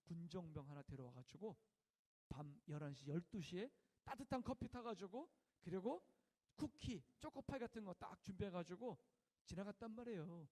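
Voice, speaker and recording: A man's voice: high-pitched, lively intonation, normal speed, dark tone, long reverb tail. A middle-aged male pastor preaching a sermon, asking the congregation questions and acting out prayers with a raised voice. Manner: asks the congregation questions and has them repeat after him.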